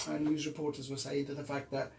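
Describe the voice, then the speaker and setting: A man's voice: fairly high pitch, fast talker, gravelly, echoey room, far from the mic, slight background noise. A man hosting a community radio talk show, talking casually and often repeating words as he restarts his sentences. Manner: repeats words and restarts often, animated when stressing points.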